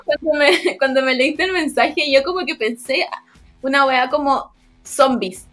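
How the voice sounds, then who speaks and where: A young Chilean woman with a high-pitched voice chats casually, laughing often through slang-filled banter. Faint music sits in the background. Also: big pitch swings, slow, fairly bright tone. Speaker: podcast co-host. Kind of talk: casual chat.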